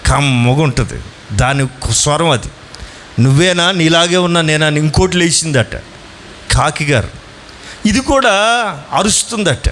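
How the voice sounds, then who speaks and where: A man preaching a Sunday sermon as pastor, putting questions to his listeners and pressing them to answer, drawing some lines out slowly and rushing through asides. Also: a little high, a bit bright, slight background noise. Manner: asks the congregation questions and urges answers; swings between slow emphatic lines and fast asides.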